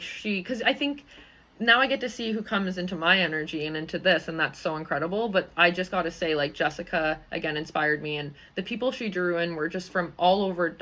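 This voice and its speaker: A woman's voice: on the low side, pushed and bright. Giggly woman hosting a live stream. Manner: bubbly, giggly, rambling with many fillers. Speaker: host of a live community stream. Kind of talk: casual live-stream talk.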